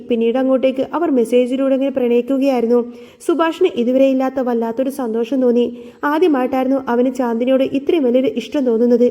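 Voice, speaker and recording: A woman narrates a television serial episode as a spoken story, speaking quickly and voicing each character's dialogue without changing her voice. Her voice sits high and sounds mellow and soft-edged. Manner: reads all characters' lines in her own voice.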